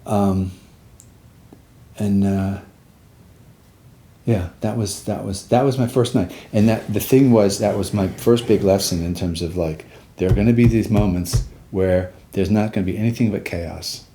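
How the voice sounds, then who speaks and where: A man in his sixties, a war veteran, recalling his past in a halting way, with restarts and trailing pauses. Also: on the low side, warm tone, a little hiss or hum. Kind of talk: personal recollection.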